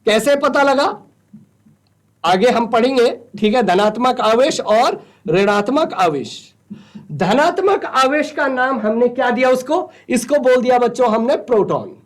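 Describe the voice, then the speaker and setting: A man's voice: very high-pitched, animated, a little slow. A male physics teacher giving a studio lecture for a virtual classroom, who asks the class a question and answers it himself. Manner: asks questions and answers them himself, calls students "children". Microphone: studio mic.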